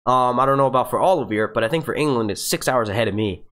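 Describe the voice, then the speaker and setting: A man's voice: mid-range voice, very fast, fairly bright tone. A man in his twenties from the United States with a youthful-sounding voice, hosting a casual live stream and chatting in a rambling way. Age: 20s. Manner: rambling and chatty, with many fillers and profanity. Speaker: YouTube channel host reading live chat.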